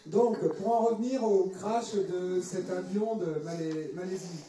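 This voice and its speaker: A man's voice: high voice, steady tone, a little slow. A man interpreting a teaching with hesitant phrasing and frequent restarts. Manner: hesitant, many fillers and restarts. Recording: echoey room, distant mic, faint noise.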